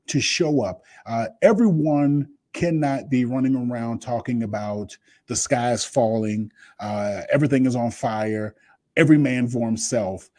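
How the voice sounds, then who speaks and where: A man's voice: mid-range voice, unhurried, mellow, dry recording. A man co-hosting a leadership podcast, explaining ideas earnestly through extended metaphors. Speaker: leadership coach co-host. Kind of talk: podcast talk.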